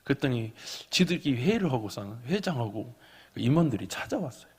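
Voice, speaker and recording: Gravelly pastor preaching in a reverberant hall. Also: male voice, mid-range voice, very animated, brisk. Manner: storytelling, swings from soft whispers to loud exhortation. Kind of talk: sermon. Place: church sanctuary. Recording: long reverb of a church hall.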